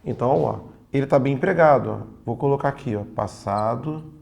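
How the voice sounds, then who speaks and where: Male Brazilian grammar teacher, casual and chatty, gravelly mid-range voice. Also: mid-range voice, a little mellow. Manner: casual, peppered with "ó", slows down for key points. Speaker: Portuguese teacher. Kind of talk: online exam-prep grammar lesson.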